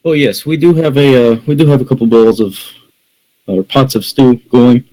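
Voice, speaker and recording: A man's voice: mid-range voice, moderate pace, dark tone, close to an everyday voice, rough recording. A man voicing a grudging male tavern server in a tabletop game, with fumbling words. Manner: begrudging, fumbling with filler words.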